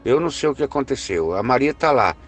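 A man's voice: mid-range voice, expressive, quick pace, faint music behind, close to an everyday voice. A man voicing a shaken older farmer who talks hesitantly and repeats himself.

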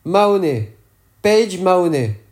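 A man's voice: high-pitched, big pitch swings, takes it slowly, a little mellow, voice pushed up, heavily acted. A man voicing a guarded, tough young woman who speaks tersely.

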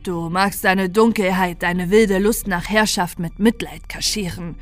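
A woman voicing a corrupted male Santa who speaks slowly, calmly and with contempt. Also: mid-range voice, faint music behind, lightly acted. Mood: scornful. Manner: slow, calm and contemptuous. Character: corrupted male Santa, calm, cruel and scornful.

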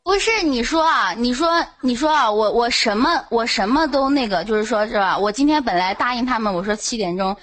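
A woman co-hosts a live voice chat and complains with animated indignation. Her voice is high and carries easily. She talks casually with a quick back-and-forth. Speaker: chat room co-host.

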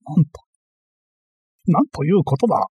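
Brief: male reader doing a blustering, clownish master thief, voice pushed higher, husky, dry close read. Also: sing-song, normal speed, warm tone, no room sound, full character voice. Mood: agitated. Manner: boastful, ranting, easily flustered. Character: blustering bumbling self-styled master thief, man.

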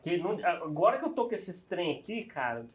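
A man talking as a player in a tabletop game, asking lively questions about plans. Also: high-pitched, brisk. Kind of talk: casual tabletop game chat.

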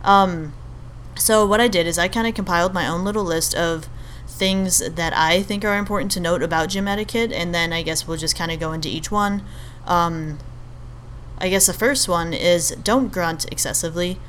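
A woman's voice: on the low side, moderate pace, a bit bright, a little hiss or hum. A young woman from Albania hosting a podcast, talking in a rambling, casual monologue full of fillers and restarts. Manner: chatty, rambling, many fillers and self-corrections. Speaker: podcast host.

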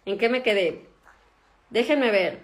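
Chatty Mexican woman, high voice. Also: takes it slowly. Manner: chatty, laughs often, many fillers. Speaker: doctor and vlogger. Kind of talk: casual chat to viewers. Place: her home in Germany. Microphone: phone camera.

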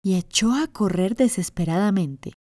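Woman reading a kids' fairy tale, mellow tone, dry close sound. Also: medium pitch, moderate pace, no room sound. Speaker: storyteller. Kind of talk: children's storytelling. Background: faint music.

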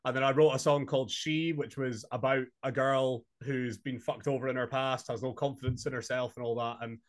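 A young adult man from Scotland with a Highland Scottish accent, chatting casually as an interview guest. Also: fairly even intonation, a little fast. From Inverness, Scotland. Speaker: podcast guest, singer-songwriter.

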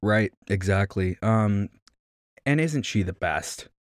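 A man co-hosting a casual beer review from Rochester, speaking in an easygoing, halting way with many fillers, his voice coming through robotic, low sample rate internet audio. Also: expressive, no room sound, studio quality. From Rochester, New York. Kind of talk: casual chat. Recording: glitchy low-quality online call audio.

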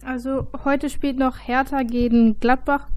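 A woman's voice: sits high, level tone, a little slow, very noisy. A woman co-hosting a casual football chat, hesitant and full of filler sounds. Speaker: football podcast co-host.

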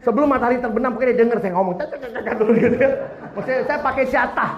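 Pastor guy, high voice, jokey sermon, kinda echoey and muffled. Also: racing. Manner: humorous, animated, asks the congregation questions. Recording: roomy, slightly dull, faint background noise.

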